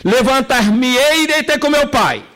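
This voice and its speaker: A man's voice: very high-pitched, lively intonation, normal speed, a bit bright, voice pushed up. A man playing a pleading repentant young son. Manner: raised, theatrical pleading delivery.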